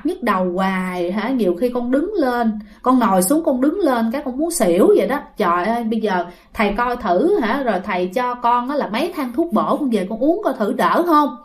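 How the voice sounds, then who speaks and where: A woman with a Southern Vietnamese accent casually telling a ghost story, chatty and talking straight to her listeners. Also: fairly high pitch. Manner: chatty, addresses listeners directly, many fillers.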